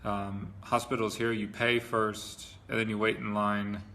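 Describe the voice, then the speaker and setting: Upbeat man, bright voice. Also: on the low side, flat delivery, a little slow. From USA. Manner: upbeat, with frequent "um". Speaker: expat interviewee. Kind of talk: casual talk to camera.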